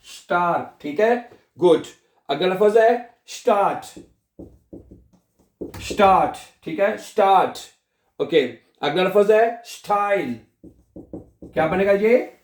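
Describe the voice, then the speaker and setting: A man teaching a language lesson, repeating each word slowly and asking and answering his own questions. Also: high-pitched, echoey room.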